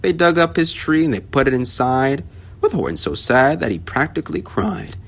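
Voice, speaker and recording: A man reading a rhyming children's story aloud with expressive, rhythmic storytelling. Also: medium pitch, moderate pace, creaky.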